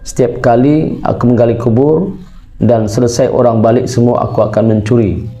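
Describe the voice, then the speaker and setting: A man's voice: medium pitch, steady tone, normal speed, warm tone, close to an everyday voice. A man voicing a tearful young man who pleads and confesses a grave sin. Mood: confessing.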